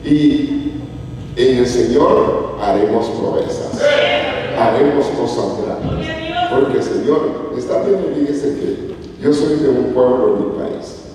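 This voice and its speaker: A man's voice: mid-range voice, lively intonation, slow pace, dark tone. A man from Guatemala preaching a sermon in a church, telling stories with rising emphasis. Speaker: pastor. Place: church hall. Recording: echoey church hall from far off.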